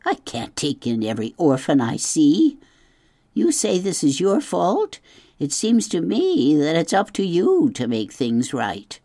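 A woman voicing a blunt, suspicious old female goose in an audiobook, talking in a brisk, scolding way. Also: deep voice, wildly swooping pitch, dark tone, no echo, clean studio sound, pitched above the performer's own voice, heavily acted. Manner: brisk, scolding, matter-of-fact. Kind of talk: audiobook reading.

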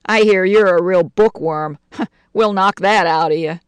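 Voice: medium pitch, measured pace, clean tone, no room sound, voice pushed up, natural voice. A storyteller voicing a brash, boastful fourteen-year-old girl who snaps her gum. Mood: cocky. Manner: cocky, boastful.

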